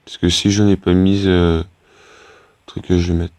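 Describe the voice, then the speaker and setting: Low-voiced teen boy rambling over gameplay. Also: flat delivery, normal speed, a little mellow, dry recording. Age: teenager. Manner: rambling and hesitant, many fillers and restarts. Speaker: gaming YouTuber. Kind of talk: casual gameplay commentary.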